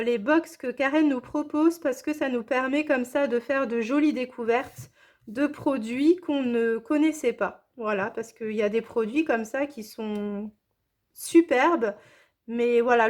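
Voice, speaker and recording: A woman's voice: sits high, a little mellow. A woman chatting casually as she unboxes scrapbooking supplies, gushing and repeating her praise with enthusiasm. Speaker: scrapbooking vlogger.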